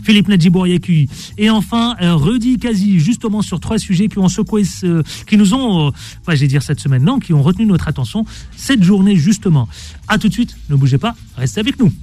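High-voiced joking male radio host. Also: animated, a little mellow, no echo. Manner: joking, quick interjections, playful mock accent. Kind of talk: casual on-air banter.

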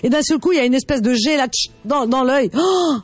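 A woman hosting a radio show in casual, chatty banter, expressive and teasing, punctuating her talk with tag words. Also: high voice, fairly quick, no room sound. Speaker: radio host. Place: radio studio.

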